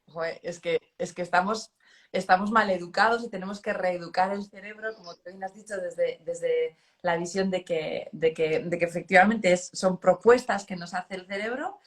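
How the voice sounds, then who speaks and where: A middle-aged woman, hosting a relaxed talk. Her voice sits a little low, and she speaks in an animated, self-reflective way, full of lively asides and sound effects. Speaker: host. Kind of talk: casual conversation.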